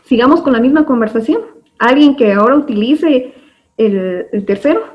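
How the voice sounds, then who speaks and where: Female teacher, patient and methodical, filler-heavy, slightly high voice, muffled video-call sound. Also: normal speed. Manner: patient, explains step by step with many fillers. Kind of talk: online class lesson. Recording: dull lo-fi online class audio.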